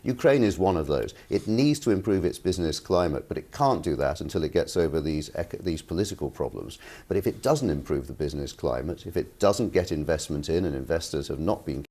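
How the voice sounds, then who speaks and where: Very deep-voiced man studio guest. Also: brisk, breathy edge. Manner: fluent, explanatory, steady. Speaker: studio guest, bank communications director. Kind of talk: live studio discussion. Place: TV news studio.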